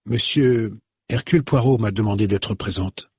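Audiobook role: a calm hesitant woman, read by a man, husky, dry sound. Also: on the low side, moderate pace, no echo.

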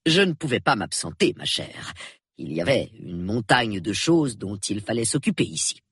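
Tired, evasive old colonel read by a man, low and soft, husky edge, hesitant pauses. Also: sing-song, no room sound, clean studio sound, full character voice. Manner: hesitant, mumbling, falsely hearty. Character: weary older colonel, man, forced cheer. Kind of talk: audiobook character voice.

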